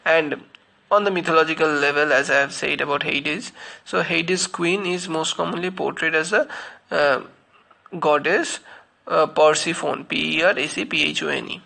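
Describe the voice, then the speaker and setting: A man's voice: on the high side, steady tone, moderate pace, gravelly, pushed and bright. A man giving a literature lecture, explaining step by step with many fillers and spelling out names letter by letter. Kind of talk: spoken lecture.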